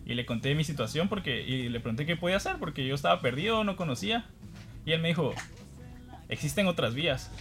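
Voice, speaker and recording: A man from Guatemala recounts a mishap as a guest, in a slightly high voice that keeps breaking into laughter. His telling is casual and self-deprecating. Faint music plays underneath. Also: expressive, quick pace, a bit bright.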